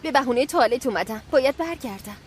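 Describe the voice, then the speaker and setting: A woman's voice: sits high, expressive, slight background noise. An actress playing a nervous young schoolgirl who hesitates about meeting her boyfriend in a TV drama. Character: anxious young schoolgirl sneaking off. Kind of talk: TV drama dubbed dialogue.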